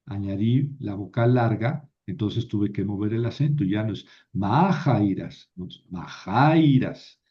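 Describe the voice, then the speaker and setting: A man teaching a Biblical Greek class, explaining patiently and often checking with his students. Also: lowish voice. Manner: slow, patient explaining with frequent "¿verdad?" checks. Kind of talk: classroom lecture. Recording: dull lo-fi classroom recording.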